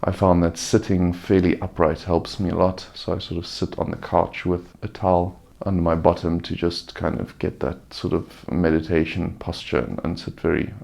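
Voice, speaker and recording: Subdued, gravelly man, weary after surgery. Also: deep voice, level tone, moderate pace, hardly any pauses, darkish tone. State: recovering from surgery with a sore throat. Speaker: vlogger giving a recovery update. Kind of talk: casual personal update, unscripted.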